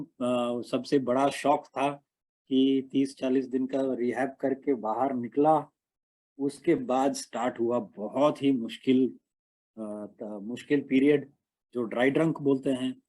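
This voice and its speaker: Man from India, earnest halting testimony over an online call, dark relaxed timbre. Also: mid-range voice. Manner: halting, earnest, many fillers and restarts. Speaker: recovering alcoholic sharing at a meeting. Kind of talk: personal testimony at an online support meeting. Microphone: online call microphone.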